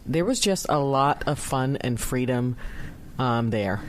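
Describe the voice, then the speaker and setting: A woman's voice: rumbling low, expressive, slow. A woman from Barbados, a nonprofit director, answering radio interview questions in a conversational way.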